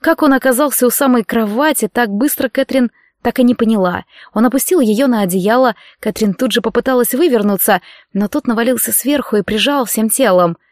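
A woman narrating a romance audiobook in an expressive storytelling manner. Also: fairly high pitch, brisk, dry recording, clean studio sound.

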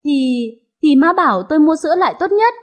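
A woman's voice: high voice, lively intonation, fairly quick. A woman voicing a scheming young daughter-in-law, who stammers and pleads. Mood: feigned innocence.

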